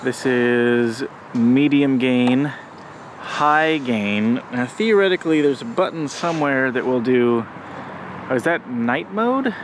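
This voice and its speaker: Chatty male vlogger, mid pitch, talking over car and street noise. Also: animated, slow. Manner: chatty, curious, playful. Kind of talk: casual vlog chat.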